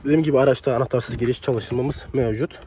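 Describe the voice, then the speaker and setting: A young man with a slightly hoarse voice from a cold, chatting casually as he walks around a car outdoors and reviews it, often dropping a filler word. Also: mid-range voice, steady tone, fast, mellow, a little hiss or hum. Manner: chatty, leans on the filler "hani".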